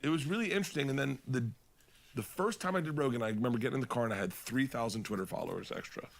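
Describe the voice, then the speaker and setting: Man, comedian, casual podcast storytelling, rambling, laughing, swearing, middle pitch. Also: racing, creaky. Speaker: comedian guest.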